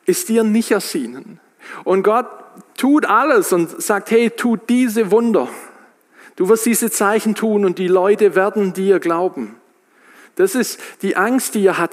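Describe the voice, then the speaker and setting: A man with a high voice delivers a sermon at an unhurried pace. He retells scripture in plain everyday speech and acts out the quotes. Long reverb from a large hall trails after his words. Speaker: preacher.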